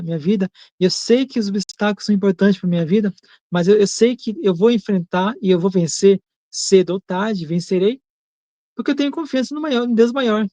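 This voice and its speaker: A man co-hosting a Spiritist program, talking in a measured, thoughtful way and often repeating and restating his points. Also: high voice, darkish tone, no room sound. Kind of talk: reflective teaching talk.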